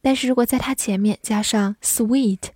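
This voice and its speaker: A woman who is a Chinese-speaking English teacher, patiently spelling words letter by letter and reading example sentences slowly. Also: a little high, fairly even intonation, darkish tone, dry recording, studio quality. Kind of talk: vocabulary lesson, spelling and slow read-alongs.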